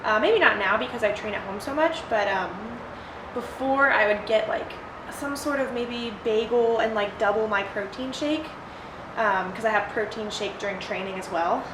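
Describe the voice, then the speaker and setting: High-pitched young woman, casual and blunt. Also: moderate pace. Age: young adult. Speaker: athlete answering viewer questions. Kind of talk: casual solo Q&A vlog. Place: ice bath, sheltered outdoors or open to rain. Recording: roomy echo with clear background noise.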